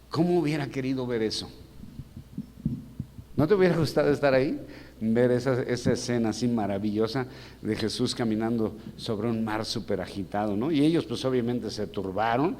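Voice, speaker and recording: A male pastor, preaching in a chatty, conversational way and throwing rhetorical questions at the congregation. His mid-pitched voice rings through a church hall with a long reverb, over a faint steady hum. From Mexico. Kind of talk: conversational sermon.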